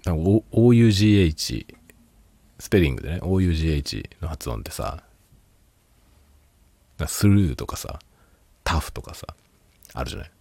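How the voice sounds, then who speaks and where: A man's voice: low-pitched, sing-song, normal speed, vocal fry, long pauses, warm tone, husky, no echo. A man hosting a casual solo talk show, rambling and laughing a lot while tipsy. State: drunk. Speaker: podcast host.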